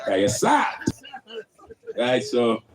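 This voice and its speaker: A man's voice: medium pitch, huge pitch swings, takes it slowly, crowd noise, poor audio. A man with a Jamaican accent speaking in Rastafarian style, preaching and teaching emphatically with rhetorical questions and Rastafari idioms.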